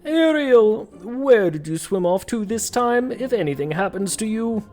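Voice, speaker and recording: A woman's voice: mid-range voice, expressive, unhurried, darkish tone, faint music behind, voice pushed up, close to an everyday voice. A woman voicing an anxious male crab court musician in a game, attempting an island accent. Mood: panicked.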